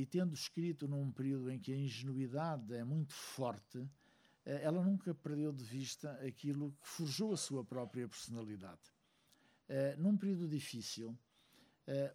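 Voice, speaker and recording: A man from Angola giving a reflective speech to a seated audience, measured and full of hesitant pauses. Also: mid-range voice, dark tone. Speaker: speaker at a book launch.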